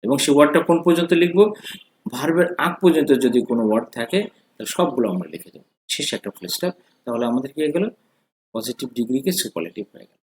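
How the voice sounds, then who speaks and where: A man's voice: medium pitch, lively intonation, very fast, echoey room. A male English teacher giving a classroom grammar lesson, switching between two languages and often asking questions that he then answers himself.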